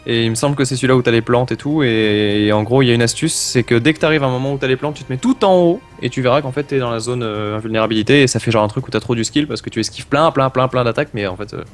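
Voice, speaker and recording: A man's voice: medium pitch, fast, faint music behind. A man giving eager game tips and explanations, chuckling often as he talks. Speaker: guest gaming expert. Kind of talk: casual gameplay commentary.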